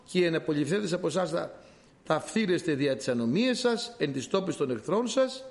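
A male preacher delivering a sermon, telling stories in an animated way and addressing his listeners as dear brothers. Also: on the high side, creaky.

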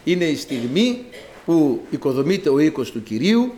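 A man's voice: on the high side, very animated, warm tone, slight background noise. A man preaching a sermon to his congregation, emphatic and exclamatory, calling out to the brothers. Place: church.

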